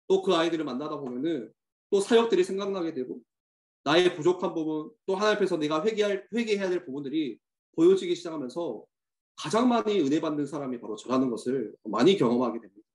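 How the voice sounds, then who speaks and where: Male pastor, sermon to teachers, lively rising and falling voice, fairly high, roomy echo. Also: fast. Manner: earnest, preacherly, with many filler "uh"s and personal stories. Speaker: youth ministry pastor addressing teachers. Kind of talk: sermon message to church teachers. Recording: echoey room.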